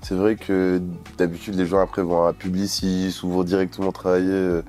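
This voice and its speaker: A man's voice: low-pitched, little pitch movement, moderate pace, mellow, faint music behind. A man hosting an interview, asking questions and giving frequent short agreements. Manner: affirming, frequent backchannel "ouais". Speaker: interview host.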